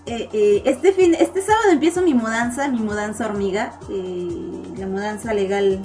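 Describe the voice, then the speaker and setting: A woman's voice: mid-range voice, normal speed, mellow, soft background music. A woman with a Mexican accent hosting a casual live online chat show, talking with her viewers in a chatty, giggly way and repeating words as she goes. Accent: Mexican Spanish.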